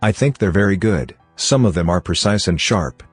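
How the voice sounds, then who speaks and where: Low, husky text-to-speech male voice. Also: normal speed, dry recording, faint music behind. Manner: even synthetic read-out delivery. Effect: text-to-speech robot voice. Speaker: channel host. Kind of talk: scripted music commentary.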